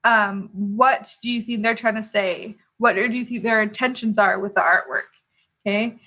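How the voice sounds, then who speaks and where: A woman with a medium-pitched, sharp voice speaks at a normal speed in a steady tone, though the highs are cut off. As an art teacher giving a lesson, she asks rhetorical questions and checks in with "okay."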